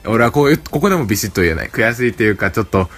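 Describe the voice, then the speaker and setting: Man, podcast co-host, rapid casual chat, mid pitch, faint music behind. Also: expressive, a bit bright. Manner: storytelling, quoting phone calls.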